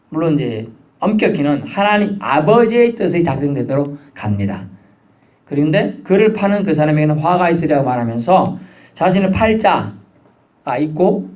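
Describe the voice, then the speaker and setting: A man's voice: fairly high pitch, a little mellow. A man preaching a midweek sermon, in a casual, conversational way, acting out the voices he quotes. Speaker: pastor.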